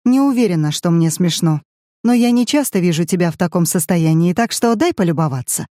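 A grown daughter mocks her relatives with scornful amusement, as a reader puts her on. The voice is raised and bright against the narration, recorded dry and close. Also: fairly low pitch, animated, brisk, no room sound, lightly acted. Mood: mocking. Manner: teasing, scornful.

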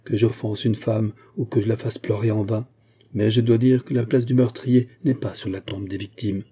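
A man plays a grieving old musketeer captain, stern and reproachful. His dark, husky voice sits low and carries a cold, somber weight in this audiobook reading. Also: flat delivery, normal speed.

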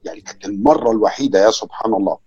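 A man's voice: on the low side, rapid-fire, mellow, slightly rough, lo-fi sound. A man with an Egyptian accent, a conference interpreter giving a reflective talk with many fillers. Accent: Egyptian Arabic. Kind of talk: lecture and casual Q&A.

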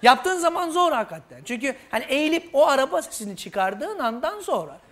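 A man doing stand-up comedy, telling an animated story and acting out characters before a live audience. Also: extremely high pitch, fairly quick. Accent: Turkish (Istanbul). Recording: live show with crowd and noise. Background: audience laughter.

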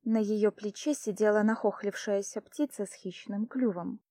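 A woman narrating an audiobook with steady storytelling reading. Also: mid-range voice, moderate pace, no echo, studio quality. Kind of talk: scripted narration.

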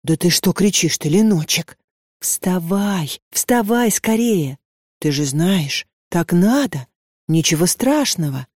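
A reader voicing a stout middle-aged aunt who coaxes in a hushed whisper full of endearments. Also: female voice, lowish voice, expressive, slow pace, breathy edge, no room sound, clean studio sound, full character voice. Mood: coaxing.

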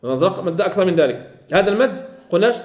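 High-voiced man teaching in an echoey room. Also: animated, racing, darkish tone. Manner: repeats key phrases, quizzes students. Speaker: Quran recitation teacher. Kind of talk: classroom lesson on tajweed rules.

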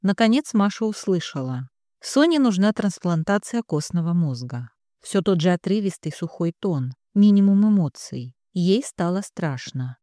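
A woman narrating a novel in an expressive storytelling manner. Her voice sits at a medium pitch but moves lively through each phrase. The recording is dry and close to the mic. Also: normal speed, dry recording. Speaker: audiobook narrator. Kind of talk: scripted narration.

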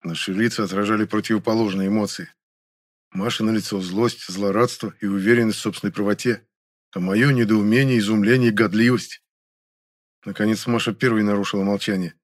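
A man's voice: fairly low pitch, steady tone, brisk. A man narrating a first-person audiobook, cool and mocking in the hero's dialogue.

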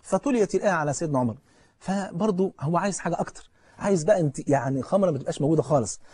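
A man with an Egyptian accent giving a colloquial religious lecture as a preacher, telling stories with animation, asking his listeners questions, and reciting scripture slowly and solemnly. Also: on the high side, animated, darkish tone, slightly rough, dry recording.

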